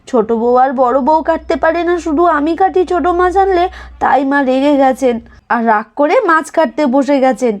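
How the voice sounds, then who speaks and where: A woman's voice: high-pitched, a little mellow, pitched above the performer's own voice, natural voice. A woman voicing a touchy young wife who complains and pleads in a doll cartoon. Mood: aggrieved.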